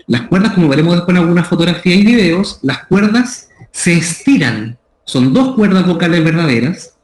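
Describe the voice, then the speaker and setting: Man, Chilean Spanish accent, voice care instructor, methodical explanations, fairly high pitch, roomy echo. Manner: methodical, explanatory, repeats terms. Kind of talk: lecture on voice care. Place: school room. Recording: echoey room.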